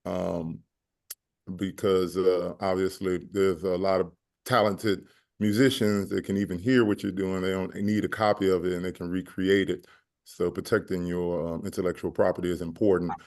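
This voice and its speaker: Low-voiced man explaining music copyright. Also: little pitch movement, vocal fry, a little mellow. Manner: measured, many um fillers, explains step by step. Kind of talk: explanatory panel talk.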